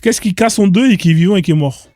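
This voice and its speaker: Reacting to odd social media clips, this host sounds incredulous, throwing out rhetorical questions in street slang. His mellow voice is high-pitched and fast, captured in a clean studio with no echo.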